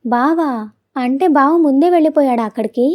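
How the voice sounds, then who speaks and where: A woman's voice: high-pitched, moderate pace, a little mellow, lightly acted. A woman voicing a young woman, earnest and lovestruck. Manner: earnest and pleading. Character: young woman in love, emotional, impulsive.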